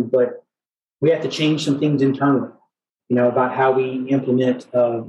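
A man speaks off the cuff to an audience in the manner of a company executive presenting. His pitch is average, and his delivery is halting, with words often repeated. The room is echoey, with faint noise behind him. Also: darkish tone. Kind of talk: public presentation in front of an audience, spoken off the cuff.

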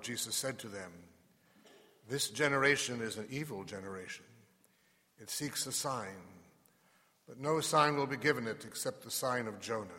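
A man preaches as a priest, in a mid-pitched voice with a steady, pausing delivery. His words hang in the long reverb of a large church, a cathedral echo trailing every phrase. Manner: measured, unhurried preaching with pauses. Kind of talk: gospel reading and homily at Mass.

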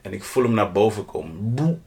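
A man's voice: on the low side, fairly quick. Geanimeerde man die losjes verhalen vertelt. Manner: animated, slangy, mixes in English phrases and sound effects. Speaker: podcast co-host. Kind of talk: casual storytelling chat.

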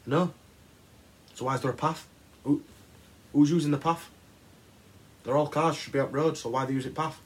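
A man's voice: a little high, fairly even intonation, moderate pace, long pauses. Slangy young man. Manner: slangy, swearing, rambling. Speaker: podcast co-host. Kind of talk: casual banter.

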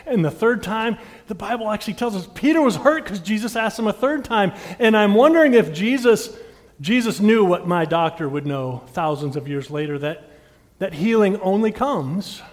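A middle-aged male pastor with a high, bright voice preaches a sermon, asking the congregation questions directly, with lively intonation at a moderate pace. His delivery is dynamic, swelling to loud, emphatic peaks and then dropping to hushed, intimate passages. The long reverb of a large hall rings through the sound.

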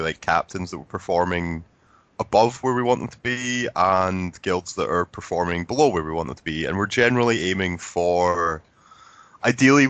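A man with a low, deep voice talks as a game designer guest, relaxed and joking as he explains. His voice sits close and dry on the mic. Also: dry recording. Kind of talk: casual podcast chat.

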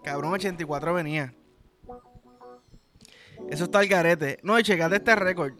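A man's voice: a little high, moderate pace, bright, forceful tone, faint music behind. A young man with a Puerto Rican accent, hosting a podcast in a crude, rambling comedic monologue full of slang. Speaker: podcast host.

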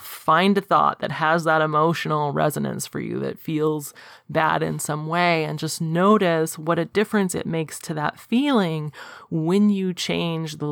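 Woman coach, calm and instructive, some vocal fry, dry booth-like recording. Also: deep voice, dry recording. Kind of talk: guided self-help instruction.

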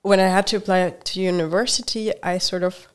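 A woman from Hungary chats as an interview guest in a lowish voice. She talks hesitantly, with lots of fillers and small laughs, and sounds tired after a short night. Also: steady tone, fairly quick, smooth. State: tired from little sleep. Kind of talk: casual interview chat.

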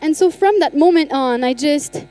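A young adult woman pastor telling a personal testimony in a sermon, acting out the conversations with animated storytelling. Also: sits high, normal speed, faint music behind, rough recording. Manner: animated storytelling, acts out dialogue. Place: church.

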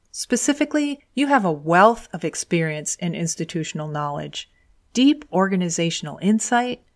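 A woman presenting scripted advice to viewers in an orderly, measured way, setting out her points clearly one by one. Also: lowish voice.

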